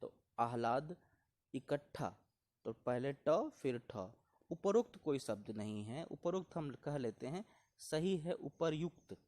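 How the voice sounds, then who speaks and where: This man's voice is fairly high and expressive, with a touch of mellowness. Teaching Hindi spelling for an exam, he takes the words one by one, repeating each slowly and urging students to be careful and attentive.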